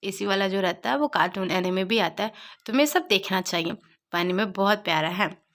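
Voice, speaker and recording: A woman doing a bubbly young man, whiny, coaxing, childlike, pitched high. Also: moderate pace, a bit bright, lightly acted. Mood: pleading. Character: bubbly pleading young man, sweet and pushy.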